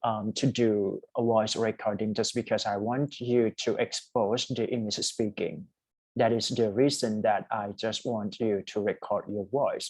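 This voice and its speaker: A man with a Thai accent coaching a student as an IELTS speaking teacher, deliberate and often rephrasing himself. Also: fairly low pitch, steady tone, a little mellow, low-quality recording.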